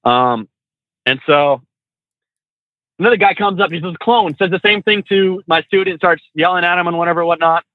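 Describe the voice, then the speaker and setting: A man's voice: high voice, moderate pace, no room sound, narrow, tinny audio. A man who trains truck drivers, telling road stories in a casual, slangy way full of fillers and restarts. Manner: laid-back, slangy, many fillers and restarts. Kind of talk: casual storytelling.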